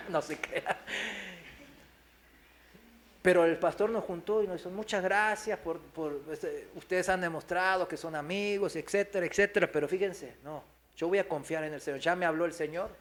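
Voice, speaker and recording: Pastor guy, fairly high voice, tells a story in his sermon, acts out what people said. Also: moderate pace, a bit bright. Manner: storytelling, acts out quoted voices, asks the congregation. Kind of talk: sermon testimony. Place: church hall.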